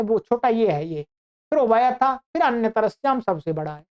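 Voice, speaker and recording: A woman teaching Sanskrit grammar in an online lecture. She reads Sanskrit lines slowly and then explains them in Hindi. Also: on the high side, lo-fi sound.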